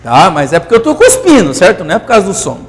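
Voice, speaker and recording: Animated male physics teacher in a classroom. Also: high voice, fast talker, in a large hall. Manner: euphoric, animated, asks constant check questions. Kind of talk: classroom lecture.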